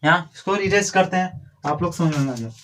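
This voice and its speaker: A man's voice: on the high side, animated, brisk, a bit bright, a little hiss or hum. A man teaching a grammar lesson to a class, drilling and correcting pupils in a scolding, repetitive way.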